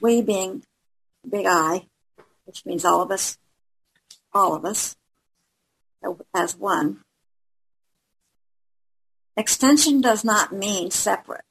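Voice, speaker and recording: A woman's voice: mid-range voice, takes it slowly, creaky, pauses often, a bit bright, breathy edge, rough recording. A woman in a study group discussion, speaking in a thoughtful, searching way. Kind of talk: casual discussion.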